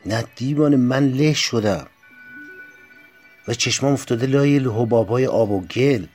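A man's voice: medium pitch, a little mellow, faint music behind, natural voice. A man voicing a young woman in a storybook reading who answers stubbornly and matter-of-factly.

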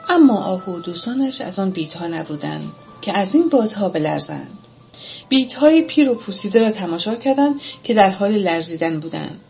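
A woman narrating a children's animal fable, reading in a steady, expressive storytelling voice at a middling pitch. Soft music plays faintly underneath. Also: vocal fry.

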